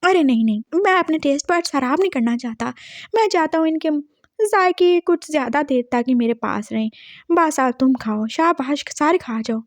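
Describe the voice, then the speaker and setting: A woman's voice: high voice, animated, normal speed, no echo. A woman voicing a flustered, squeamish young man who nervously dodges and jokes his way out, in a told drama story. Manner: nervous, dodging.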